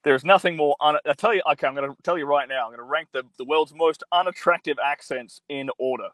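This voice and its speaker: A young male livestream host reads viewer comments in a blunt, profane, rambling chat full of fillers. His voice is a little high and a bit bright, and he talks fast; the phone mic gives a very dry, close sound with no echo.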